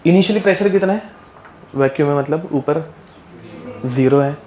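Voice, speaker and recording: Speaking at a moderate pace in a slightly high, somewhat mellow voice, a male chemistry teacher gives a casual live lecture, blending English terms into his talk. He checks often that students follow, and the echoey classroom carries faint ambience.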